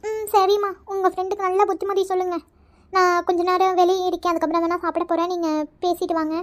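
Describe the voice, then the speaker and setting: A crying mother of a grown son in an animated series. Her voice sits very high with little rise and fall, and she runs her worried scolding together at a quick clip. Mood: tearful worry. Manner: pleading, scolding, fast-talking. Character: worried tearful mother of a college boy. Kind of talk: cartoon voice acting.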